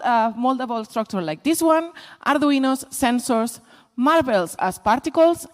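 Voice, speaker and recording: A woman presenting a short poster pitch at a conference. She talks in a lively way, laughs easily and lists items briskly. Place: conference hall. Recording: echoey lecture hall.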